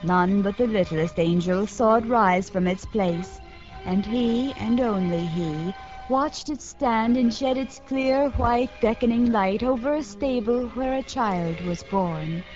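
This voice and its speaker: A woman reading a children's story aloud in a gentle, expressive way as host of a radio program, heard from an old broadcast disc recording. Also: a little high, slow pace. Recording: dull lo-fi 1950s radio transcription with music.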